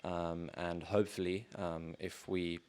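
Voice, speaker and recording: A man speaking as a podcast guest in a casual interview, measured and hedging with many filler phrases. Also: low voice, flat delivery, darkish tone, smooth. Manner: measured, hedging with "sort of" and "kind of".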